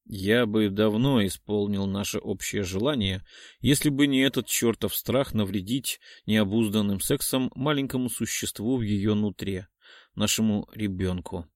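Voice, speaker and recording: A man narrating a romance audiobook in a steady, intimate reading style. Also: fairly low pitch, normal speed, dry recording, clean studio sound. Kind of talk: scripted narration.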